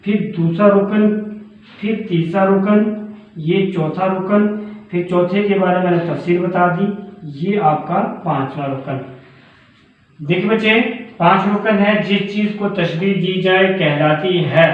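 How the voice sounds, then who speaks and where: A man delivers a grammar lesson at an unhurried, careful pace. He repeats key terms and speaks warmly to his students as children. His voice sits on the higher side. The sound is thin and phone-like, with heavy room echo. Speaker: Urdu professor. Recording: very echoey, tinny phone-like sound.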